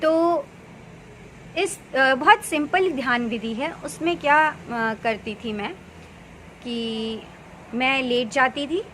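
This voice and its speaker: Woman, 30s, earnest and unhurried, high pitch; recorded with noticeable background noise. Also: a bit bright. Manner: earnest, unhurried, with many pauses and fillers. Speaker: meditation practitioner. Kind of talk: casual spoken advice.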